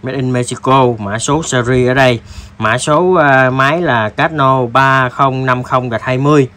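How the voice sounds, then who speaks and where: Southern Vietnamese man pitching tools, noisy recording. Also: a bit bright. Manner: informal, halting pitch addressing viewers as buddies. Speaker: tool seller presenting products. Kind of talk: casual sales demo, unboxing tools.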